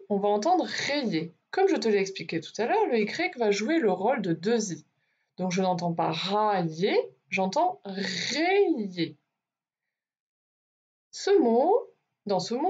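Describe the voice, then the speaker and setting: Woman teacher, phonics lesson for small kids, slow and lively in pitch, slightly husky, dull lo-fi sound. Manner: slow, deliberate, over-articulated sounds. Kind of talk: phonics lesson for young children.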